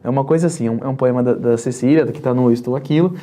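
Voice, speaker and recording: Mellow-voiced podcast host asking questions. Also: medium pitch, racing. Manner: hesitant, many fillers and restarts, asks guided questions. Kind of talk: conversational podcast interview.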